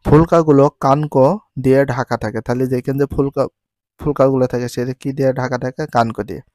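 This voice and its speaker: A man's voice: mid-range voice, steady tone, a little mellow, no room sound. Drilling male teacher, dry close sound. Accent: Bangladeshi Bengali. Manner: repeats key terms slowly to drill them; mixes English words into his teaching. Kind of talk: textbook lesson with repeated questions.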